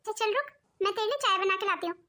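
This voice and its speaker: A woman's voice: very high-pitched, fast talker, bright, forceful tone. A woman voicing a fussy old mother-in-law in a cartoon, insisting on waiting for her working daughter-in-law. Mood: insistent.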